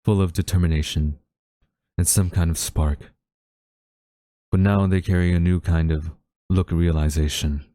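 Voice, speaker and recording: A wistful, weary monologue comes from a man voicing a haughty government official, one who secretly feels tenderness toward a captured villain, speaking directly to the listener in an intimate audio drama. The recording is close and dry with no room sound, and his very low, dark, mellow voice keeps a fairly even intonation. His phrasing stays formal, theatrical and deliberate.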